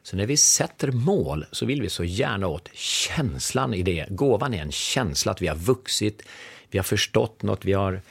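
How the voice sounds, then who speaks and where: A middle-aged man tells a story in a relaxed conversation and voices each person in it himself, his pitch leaping up and down as he goes. His voice is slightly husky and sits a little low. The sound is dry and close, with no room echo. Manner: animated storyteller acting out dialogue. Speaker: podcast guest.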